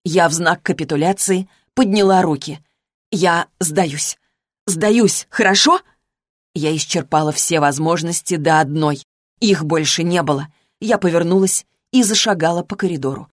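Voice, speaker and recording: Woman narrator for a first-person novel, low voice, dry studio, steady measured delivery. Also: dry recording. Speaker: audiobook narrator.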